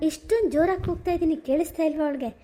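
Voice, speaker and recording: A woman's voice: very high voice, very fast, warm tone, slight background noise. A woman voicing a bossy, complaining elderly mother-in-law in a cartoon comedy, with whiny sighs. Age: older.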